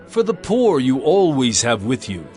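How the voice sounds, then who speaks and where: An actor playing Jesus as a calm, authoritative male teacher, speaking in an earnest, measured way. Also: mid-range voice. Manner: earnest, measured scripture delivery. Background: music score.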